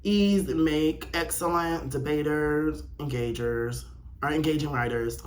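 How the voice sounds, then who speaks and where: A young man with a fairly high voice talks at a measured pace over slight background noise. He hosts his own video channel, reading aloud and reacting in casual solo commentary. His style is blunt, opinionated and full of slang.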